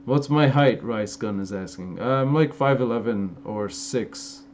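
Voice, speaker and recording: A little slow and a little mellow, this medium-pitched young man from Los Angeles answers live chat in a relaxed stream Q&A. An Armenian influence colors his American accent, and he meanders with many fillers and restarts. The audio is lo-fi, somewhat dull, and carries faint noise.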